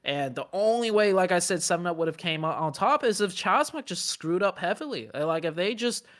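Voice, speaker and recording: A man giving analytical esports commentary in an explanatory, measured way with some fillers. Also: high voice, expressive, a bit bright. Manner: explanatory, measured, uses fillers like you know.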